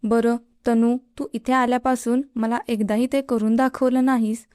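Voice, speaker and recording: A woman voicing a gentle, doting grandmother who coaxes softly, in a spoken storybook. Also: on the high side, flat delivery, normal speed, clean tone, dry recording, clean studio sound, lightly acted. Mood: coaxing.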